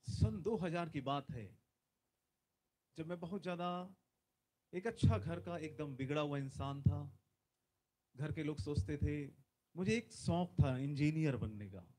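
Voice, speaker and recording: Speaking slowly with long pauses and a slightly high voice, a visiting preacher in his forties gives a sermon and prayer on a large conference stage. He holds a handheld mic and is fervent throughout, with loud emphatic outbursts and frequent cries of hallelujah.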